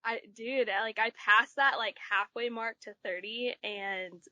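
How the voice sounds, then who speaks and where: A woman in her twenties from Texas, a podcast guest telling stories in an animated way, filling with "like" often. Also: a little high, unhurried, dry recording. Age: 20s. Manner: animated storyteller, says "like" a lot. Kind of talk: casual chat.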